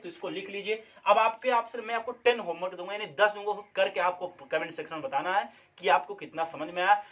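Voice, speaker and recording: High-voiced chatty male teacher. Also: fairly bright tone. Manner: chatty, repeats "guys" and "ठीक है?" as check-ins; drills example sentences aloud. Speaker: English teacher. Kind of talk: Hindi-English video lecture.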